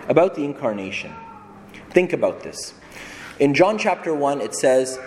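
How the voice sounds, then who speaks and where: A man preaching a sermon as a priest, animated and full of rhetorical questions. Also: fairly high pitch, echoey room, in a large hall.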